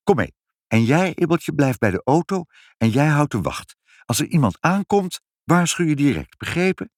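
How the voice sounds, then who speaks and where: A man voicing a brisk, sensible mother in a read-aloud storybook, talking in a matter-of-fact way. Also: on the high side, big pitch swings, dry recording, clean studio sound, pitched above the performer's own voice.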